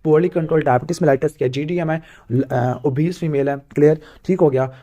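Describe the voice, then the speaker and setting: A man from Pakistan giving an exam revision lecture, asking himself questions and ticking off points with "clear" as he rattles through lists. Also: fairly high pitch, measured pace, warm tone. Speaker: medical exam tutor.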